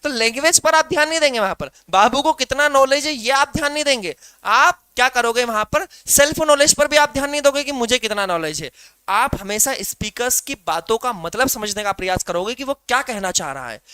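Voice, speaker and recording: Bright, crisp-voiced male teacher. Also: very high-pitched, lively intonation, a little fast, no echo. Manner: explains with rhetorical questions and calls students "beta". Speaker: exam-prep teacher. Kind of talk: live online exam-prep class.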